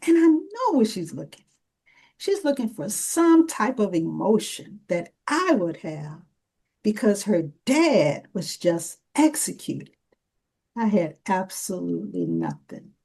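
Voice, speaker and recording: A middle-aged woman, a guest and survivor advocate, telling her story in an interview with animated, emphatic delivery. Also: medium pitch, unhurried, husky, poor audio. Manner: animated, acts out dialogue, emphatic.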